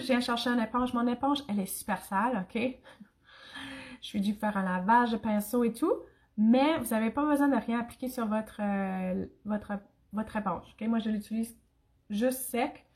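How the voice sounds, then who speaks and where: A woman's voice: on the high side, a little mellow. Young acadian woman doing a makeup tutorial, sick and scratchy-throated, chatty, talks right to viewers. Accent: Acadian French. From Canada. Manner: chatty, addresses viewers and live commenters. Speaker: makeup demonstrator.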